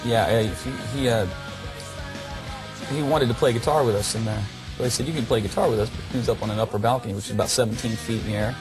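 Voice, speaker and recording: A rock band member telling a concert story in a relaxed, halting way. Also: male voice, medium pitch, low-quality recording. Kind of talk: anecdote told in an interview. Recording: interview with music playing behind.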